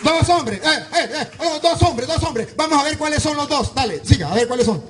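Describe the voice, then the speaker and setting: High-voiced priest arguing scripture. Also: male voice, expressive, moderate pace, noisy background. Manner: insistent, argumentative, reads scripture aloud. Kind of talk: heated religious debate.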